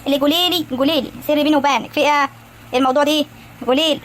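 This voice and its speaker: Woman doing a high, rapid-fire Egyptian cartoon big sister, bossy and nosy, faint background hum. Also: steady tone, fairly bright tone. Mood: prying. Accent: Egyptian Arabic. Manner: teasing, prying, advising. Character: bossy caring young wife and older sister. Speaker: voice actor in animated comedy. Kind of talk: animated cartoon acting.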